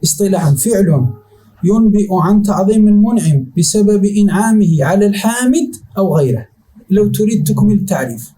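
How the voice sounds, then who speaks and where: A man teaches a classical rhetoric text to his students. His voice sits high yet sounds mellow and dark. He repeats each definition patiently and keeps checking whether the class has understood. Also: lively intonation, fairly quick, poor audio. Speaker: sheikh teaching Arabic rhetoric. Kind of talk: classroom lesson explaining a text.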